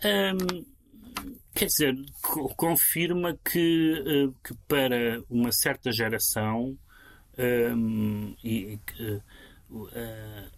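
A man's voice: medium pitch, drawn-out words. A man with a European Portuguese accent discussing a book as a critic on radio, full of fillers and restarts. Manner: hesitant, many fillers and restarts.

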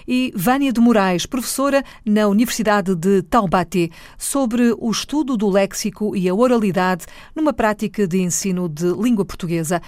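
A woman radio presenter announcing segments in a crisp, announcer-like manner. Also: mid-range voice, a little mellow, no echo.

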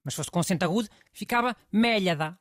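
A know-it-all portuguese host, offhand and teasing, voice swoops around a lot. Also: male voice, high-pitched, sing-song, brisk, sharp tone, no room sound, studio quality, soft background music, heavily acted. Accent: European Portuguese. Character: know-it-all male host, blunt and dismissive. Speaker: show host. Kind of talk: comic scripted banter.

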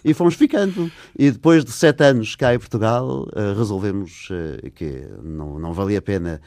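Answering interview questions hesitantly and with many fillers, an older English guest uses Portuguese, a language he learned, though English is his native one. His lowish, slightly mellow voice is animated, at a moderate pace. It's studio-quality audio with no room sound.

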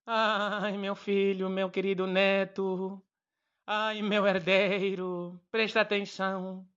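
A male comedian voicing a calm, wise old grandfather who speaks slowly and gently. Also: high-pitched, smooth, muffled recording. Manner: slow, unhurried, gently teasing.

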